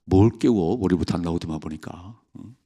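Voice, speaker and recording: A man pastor preaching a sermon at a church, emphatic, with sudden high exclamations. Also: fairly quick, dark tone. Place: church sanctuary.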